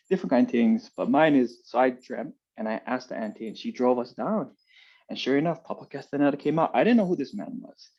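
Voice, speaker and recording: Gravelly-voiced man telling stories. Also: mid-range voice. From Hawaii. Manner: relaxed, earnest, heavy on fillers. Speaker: guest. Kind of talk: personal storytelling in an interview. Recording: dull lo-fi sound.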